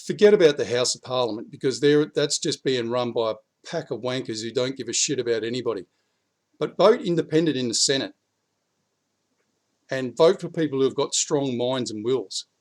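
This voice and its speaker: In his backyard, an Australian man who vlogs about prepping gives casual political talk directly to camera with a mid-range voice slightly croaky from the flu. Blunt and swearing freely, he grows louder and higher whenever he drives a point home.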